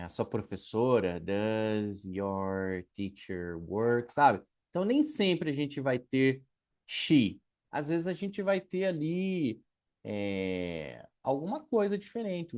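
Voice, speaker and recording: A man's voice: medium pitch, a little mellow. A man teaching English to beginners in an online class, patiently spelling out example sentences. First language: Portuguese.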